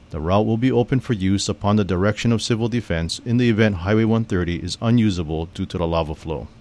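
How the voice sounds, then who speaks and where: Low-voiced man, grave civil defense broadcast.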